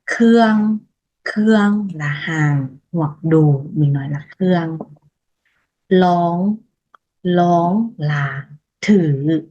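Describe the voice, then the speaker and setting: A woman teaching vocabulary, saying each word slowly and repeating it before explaining it. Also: lowish voice, dark tone. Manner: repeats words slowly, then explains briskly. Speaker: language teacher. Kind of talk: vocabulary lesson, slow repetition. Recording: dull lo-fi sound.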